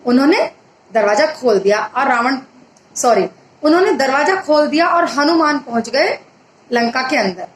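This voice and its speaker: A woman retelling a religious story in a conversational way, often pausing to correct herself. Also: sits high, expressive. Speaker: storyteller, motivational speaker. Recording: echoey room with faint noise.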